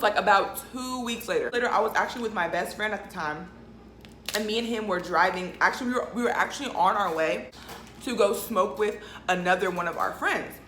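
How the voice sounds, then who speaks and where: Young woman, chatty vlogger, bright voice, echoey room. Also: medium pitch, a little hiss or hum. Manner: chatty, says "like" a lot, laughs often. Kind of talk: casual story time while eating.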